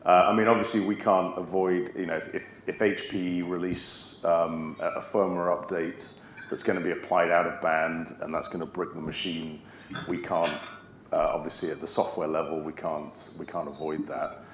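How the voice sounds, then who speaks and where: A man answering technical questions at a live event, halting, with many restarts. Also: low-pitched, flat delivery. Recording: roomy echo, faint hum.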